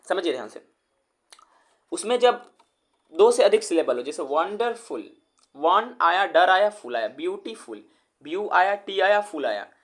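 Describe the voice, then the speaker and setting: A man teaches English grammar in a slightly high voice. He calls his viewers friends and says each word over, slowly, one syllable at a time. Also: fairly bright tone. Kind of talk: explanatory lecture.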